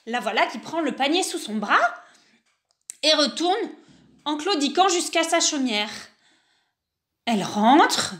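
A woman narrating a children's picture book in an unhurried way, adding sighs and little exclamations. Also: high-pitched, sing-song, fairly bright tone. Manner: unhurried, with sighs and spoken interjections. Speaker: storyteller.

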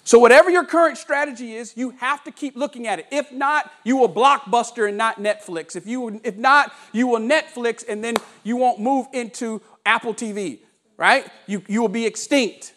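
Walking and gesturing with a lapel mic, a man in his forties coaches an office room through a motivational sales training session full of stories and dramatic pauses. His voice is very high-pitched with a fairly bright tone.

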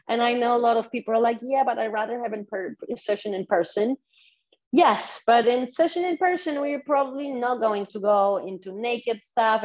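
A woman, a guest on a podcast, who talks enthusiastically and guides listeners step by step. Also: mid-range voice. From Poland. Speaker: guest, sexuality coach. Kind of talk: podcast interview. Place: home in Tulum. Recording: dull lo-fi audio.

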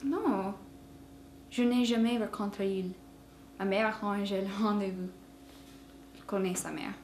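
A young woman, talking in a flat, detached, deadpan way, as in a mock art-film. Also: medium pitch, a little hiss or hum. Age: young adult. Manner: flat, detached, unhurried delivery. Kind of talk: deadpan art-film narration and phone scenes. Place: house kitchen, indoors.

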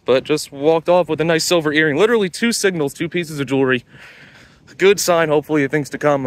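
This young man runs a beach metal detecting vlog, chatting to viewers as he narrates casually into a handheld phone. His voice is a little high with a fairly bright tone.

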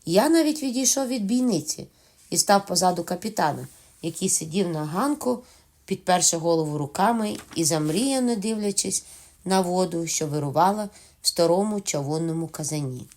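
Woman, audiobook narrator, low voice, calm measured reading. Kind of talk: scripted narration of a novel.

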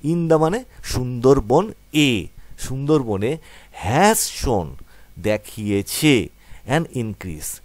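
Bengali-accented male tutor, animated pitch, dry close sound, patient step-by-step explainer. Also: dry recording. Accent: West Bengal Bengali. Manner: patient, breaks words down letter by letter; reads English lines slowly and deliberately. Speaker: teacher. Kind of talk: exam tutoring lesson for school students.

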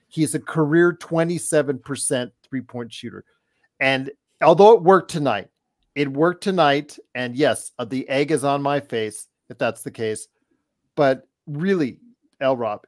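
A man's voice: medium pitch, no echo, clean studio sound. A man hosting a basketball podcast on a video call, direct and opinionated as he talks to his co-hosts. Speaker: podcast host. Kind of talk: casual sports talk. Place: home room on a video call.

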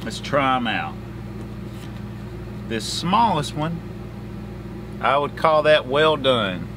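Man, 40s, trucker vlogger; chatty and lively, with loud truck noise in the background. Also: medium pitch, takes it slowly. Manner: chatty, folksy, talks straight to camera. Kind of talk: casual cooking vlog. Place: truck sleeper cab, later outdoors at a fuel stop. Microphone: handheld camera close up. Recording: noisy truck and road ambience.

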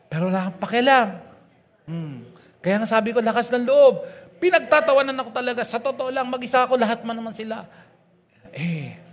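A man preaching a sermon with a Pangasinan accent, mixing English into his talk, swinging between loud and soft and often calling out "Amen?" and "Praise God.". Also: very high-pitched, a little fast, in a large hall. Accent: Pangasinan Tagalog. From Pangasinan, Philippines. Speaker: pastor. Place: church.

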